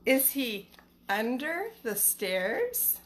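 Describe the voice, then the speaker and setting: Extremely slow and very animated, this slightly high, somewhat bright voice belongs to a middle-aged elementary school teacher. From a small living room at home, she chats casually on a livestream and reads a picture book aloud for children. Her phone, held at arm's length, also catches some background noise.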